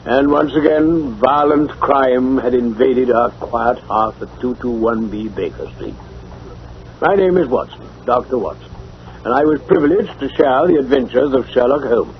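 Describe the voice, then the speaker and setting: An actor playing a gentlemanly English doctor who narrates in a formal, measured way for a radio drama. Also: male voice, mid-range voice, expressive, slight background noise, natural voice. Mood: portentous. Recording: tinny band-limited old radio recording.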